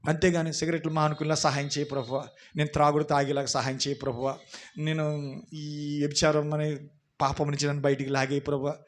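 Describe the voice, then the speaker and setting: A man's voice: a little high, flat delivery, fairly quick. Telugu-accented man preaching a sermon. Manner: preaching with rising shouted emphasis and direct questions to the congregation. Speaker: pastor.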